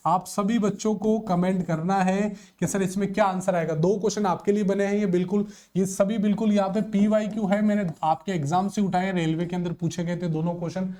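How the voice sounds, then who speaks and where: A man's voice: sits high, steady tone, fairly quick, few pauses, warm tone. A man teaching an exam-prep reasoning lesson, counting figures aloud and calling his students sir and dear children.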